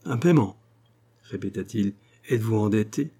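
A man's voice: on the low side, animated, normal speed, dark tone. A man voicing a cold, sarcastic small-town notary in an audiobook, speaking in an icy, cutting, ironic tone. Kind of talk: audiobook character reading.

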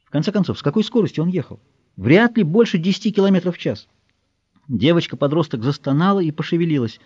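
Expressive male audiobook narrator, lively pitch. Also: quick pace, husky, no echo, muffled recording. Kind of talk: scripted narration.

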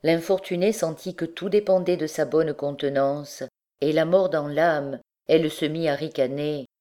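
A woman narrating a classic novel as an audiobook in a measured, even way. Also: sits low. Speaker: audiobook reader.

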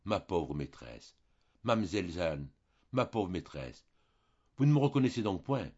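A man's voice: lowish voice, big pitch swings, moderate pace, husky, muffled recording. A man reading as a rustic old maidservant. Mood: tearful, homely. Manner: rustic country speech. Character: older woman, a weeping rustic maidservant.

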